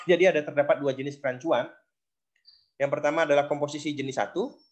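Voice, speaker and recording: A man giving a recorded lecture on logic, explaining step by step with frequent fillers. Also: on the high side. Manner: explanatory, many fillers like "nah" and "gitu". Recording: dull lo-fi recording.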